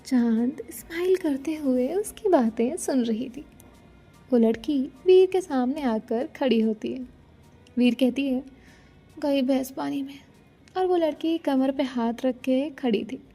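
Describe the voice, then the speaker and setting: Woman reading a story out loud, high voice, soft mellow tone, faint music under it. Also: measured pace. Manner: steady storytelling, voices all the characters. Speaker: story narrator. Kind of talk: read-aloud story narration.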